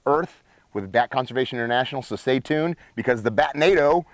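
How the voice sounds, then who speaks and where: A man, hosting a wildlife show outdoors by a cave, presenting with excited, emphatic showmanship on a lapel mic. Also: mid-range voice, fairly quick, no room sound. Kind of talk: enthusiastic outdoor nature presenting. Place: outdoors by a cave in open country.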